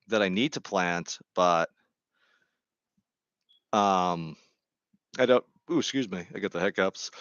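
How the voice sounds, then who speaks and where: Man with a lowish voice and deadpan humor, rambling casually to camera. Dry, slightly dull mic sound. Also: clean tone, dry recording. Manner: jokey, meandering, deadpan absurd humor. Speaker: vlogger. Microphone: Bluetooth microphone.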